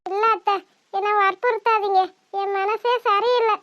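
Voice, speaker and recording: A woman's voice: very high voice, fairly even intonation, moderate pace, a bit bright, no echo. A woman voicing a young woman in a cartoon who is ill with a stomach ache, curt and subdued. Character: young woman, sick and hurt, quietly defiant. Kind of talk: cartoon voice acting. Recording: dull dry studio recording.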